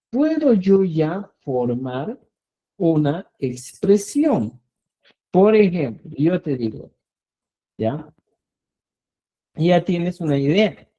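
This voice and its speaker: A man leads a language lesson at an unhurried pace. His voice is mellow and soft-edged, and his pitch moves a lot as he repeats words and checks in with his students. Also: poor audio. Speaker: Quechua language teacher.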